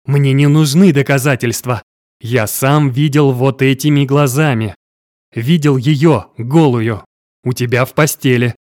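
A man voicing a stern, domineering middle-aged father who scolds harshly and is quick to anger. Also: medium pitch, fairly even intonation, darkish tone, no room sound, studio quality, lightly acted. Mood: furious.

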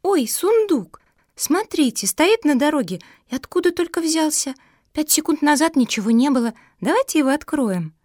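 Woman voicing a headstrong little female dog, high squeaky voice, whiny, excitable. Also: moderate pace, no room sound, studio quality. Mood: excited.

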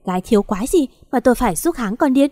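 A woman reading the part of a coarse, scornful husband who snaps back quickly and dismissively. The delivery is quick and rough, and the recording is dry and close. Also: extremely high pitch, lively intonation, dark tone, no room sound. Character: crude defensive husband, adult man.

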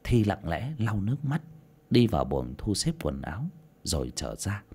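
A man narrating an audiobook in an expressive storytelling manner. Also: deep voice, moderate pace, husky.

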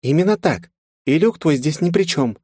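A man's voice: on the high side, animated, normal speed, darkish tone, husky, no room sound, clean studio sound, voice pushed up. A man voicing a stern, irritable female mentor who speaks in a raised, instructive tone.

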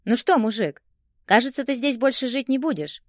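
A woman voicing a calm, self-assured young male neighbor in an audiobook, speaking evenly and confidently. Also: a little high, normal speed, no room sound, clean studio sound.

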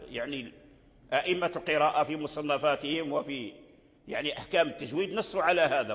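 An older man teaching recitation rules in a lesson, speaking slowly, repeating phrases and chanting short verses. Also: fairly high pitch, a bit bright. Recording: long hall reverb.

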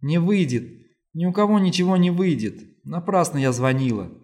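A man's voice: a little high, expressive, normal speed, a little mellow, voice pushed up, lightly acted. Brief: male reader doing a panicked young woman, frantic, pleading, raised voice, audiobook. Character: terrified young woman hiding a family secret. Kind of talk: audiobook reading.

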